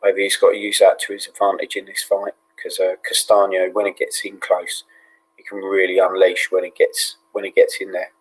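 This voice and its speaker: A British man keeps his voice hushed, almost whispering, as he gives relaxed live fight commentary with plenty of ums and yeahs. His tone is low and husky and stays quite flat. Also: normal speed, poor audio. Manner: speaking hushed, half-whispering; relaxed, with many fillers like um and yeah. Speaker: host of a live fight watch-along.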